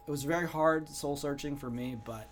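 A young American man answering interview questions in an earnest, reflective way, often pausing with "you know". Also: a little high, a little hiss or hum. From United States. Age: young adult. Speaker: guest entrepreneur.

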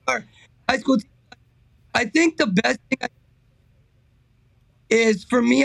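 Hoarse, raspy, high-strained man. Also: no room sound, low-quality recording. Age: middle-aged. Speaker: interview guest, car builder. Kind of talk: casual interview talk.

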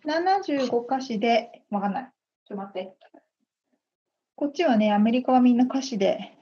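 Husky, bright-voiced woman podcast host. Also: a little high, lively intonation, moderate pace, highs cut off. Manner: chatty, laughs easily, polite host phrasing. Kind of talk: casual podcast chat.

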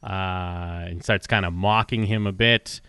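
A man with a smooth, crisp and bright voice, recorded dry and close. He talks loosely and haltingly in casual podcast chat, full of fillers, restarts and the odd curse. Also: low voice, steady tone, no room sound. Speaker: podcast co-host.

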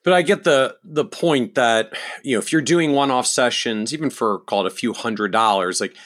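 A man hosting an interview for financial advisors, measured and reasoning aloud. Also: medium pitch, a bit bright. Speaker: podcast host for financial advisors. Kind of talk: interview conversation.

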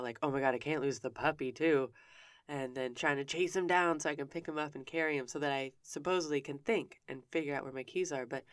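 A woman's voice: sits low, fairly bright tone, clear, resonant tone, dry recording, studio quality. A woman telling a personal story in a frank, conversational way, often stopping and restarting her sentences. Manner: candid, frank with casual swearing; self-interrupting with frequent restarts.

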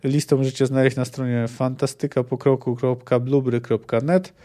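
A man's voice: mid-range voice, fairly even intonation, moderate pace, warm tone. A man hosting a book podcast, talking through his thoughts in a casual monologue with frequent hesitant fillers. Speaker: podcast host reviewing fantasy books.

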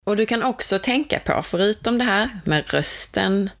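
A woman giving a calm, explanatory lesson on coping techniques for labor, gently coaching the listener. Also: medium pitch, gravelly. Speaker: childbirth educator. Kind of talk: instructional talk.

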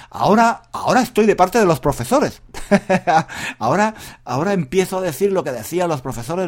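A middle-aged man hosting a casual podcast for learners, energetic and full of repetitions and laughter. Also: on the high side. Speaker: podcast host, Spanish teacher.

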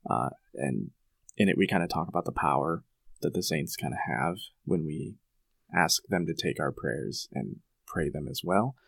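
A man co-hosting a podcast, talking in a relaxed, conversational way. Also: extremely low pitch, normal speed, vocal fry, no echo. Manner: relaxed, conversational, uses fillers. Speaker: podcast co-host. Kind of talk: casual podcast chat.

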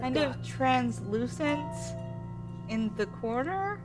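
A woman working as game master, improvising scene narration in an informal, halting way. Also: high voice, animated, music in the background, low-quality recording.

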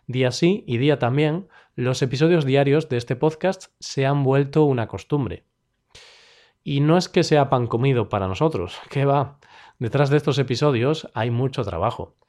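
A man from Spain with a Spanish accent, hosting a daily podcast that teaches Spanish expressions, with clear, measured delivery and a light touch of humor. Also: medium pitch, a little mellow. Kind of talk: scripted explanatory podcast lesson.

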